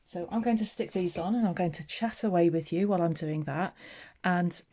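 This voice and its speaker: Working through a casual craft tutorial, a woman from southeast England describes every step aloud as she goes. She sounds low, mellow and unhurried, friendly and chatty throughout.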